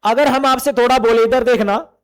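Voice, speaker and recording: A man's voice: extremely high pitch, steady tone, normal speed. A man teaching a classroom lesson to exam students, asking questions and answering them himself, calling the students beta and bhai.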